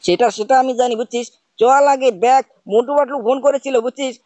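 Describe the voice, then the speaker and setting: Gamer guy, quick high chatter, nagging uncle bit, dry close mic. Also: fairly even intonation, darkish tone, dry recording. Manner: scolding, repeats "bujhchhis?". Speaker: gaming channel host. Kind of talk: playful commentary over gameplay, playing the uncle.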